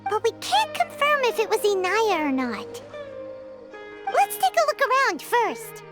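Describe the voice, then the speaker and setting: Squeaky, excitable little fairy companion. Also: female voice, measured pace, heavily acted. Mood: curious. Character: tiny floating childlike girl companion, excitable, loyal, squeaky. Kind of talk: video game voice acting. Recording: loud background music.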